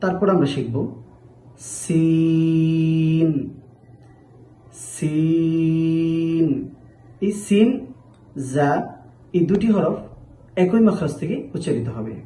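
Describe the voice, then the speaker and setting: A man's voice: a little high, very animated, normal speed, long pauses, warm tone, echoey room, rough recording. A man giving a patient pronunciation lesson, drawing out each letter sound as he demonstrates it. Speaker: Arabic letter teacher.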